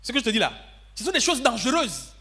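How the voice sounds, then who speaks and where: High-pitched, animated pastor. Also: male voice, fast talker, husky. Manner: animated, acts out dialogue, swings between shouting and murmuring. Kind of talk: storytelling sermon. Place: church.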